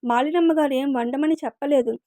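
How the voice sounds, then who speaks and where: A woman's voice: high voice, a little fast, mellow, no room sound, clean studio sound, close to an everyday voice. A woman voicing a rude, mocking male house servant who answers back with sarcasm in a read-aloud story. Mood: scornful. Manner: scornful, sarcastic retorts.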